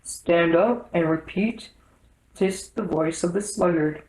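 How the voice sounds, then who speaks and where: Lady doing a bossy gryphon creature from a storybook, slow deep voice, solemn n impatient, echoey room. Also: a little mellow. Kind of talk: storybook character reading. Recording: roomy echo.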